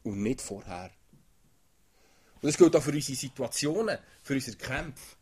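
A man preaching a sermon in an animated way, often checking in with "oder?". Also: medium pitch, normal speed, heavy background noise.

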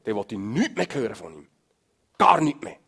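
A male preacher, giving an emphatic sermon that swings from loud stresses to low murmurs. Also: sing-song, normal speed. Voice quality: gravelly, husky.

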